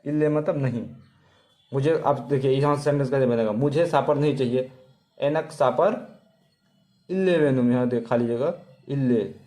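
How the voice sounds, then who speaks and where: Man teaching, slowly repeating words. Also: medium pitch, steady tone, warm tone. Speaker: language teacher. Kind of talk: casual spoken lesson.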